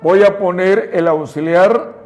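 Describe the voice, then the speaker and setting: A man from Mexico, an English teacher, explains grammar in a fairly high voice. He moves at a very slow, drawn-out pace and repeats each example phrase so his students can follow along. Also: a little mellow, faint music behind. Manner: spells out each step, repeats example sentences slowly for students. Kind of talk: slow, deliberate grammar lesson.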